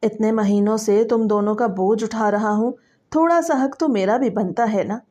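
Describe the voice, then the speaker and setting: A woman voicing a predatory middle-aged stepfather who speaks softly and coaxingly, then threatens, in a dramatic story reading. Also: mid-range voice, natural voice. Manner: soft coaxing voice that turns to threats.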